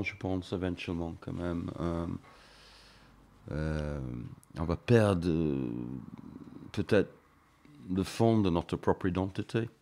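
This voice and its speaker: An English man, a native English speaker, giving a radio interview in French with an English accent, halting with many fillers and restarts. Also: low voice, a little mellow. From England. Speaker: interview guest.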